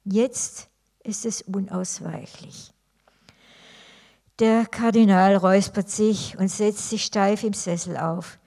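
A woman reads a novel aloud at a slow, deliberate pace. Her narration is even and unhurried, with a middle-pitched voice. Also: vocal fry. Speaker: reader.

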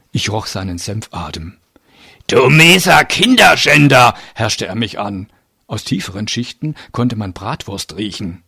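A man's voice: on the low side, slightly rough, no echo, studio quality. A man reading a story aloud in first-person narration, telling it expressively.

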